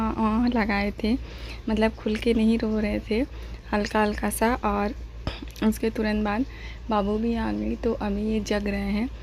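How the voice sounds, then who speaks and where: Woman vlogger, quiet voice-over, flat delivery, faint noise behind. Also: medium pitch. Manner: soft, calm and explanatory. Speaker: family vlogger. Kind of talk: voice-over narration of a family vlog.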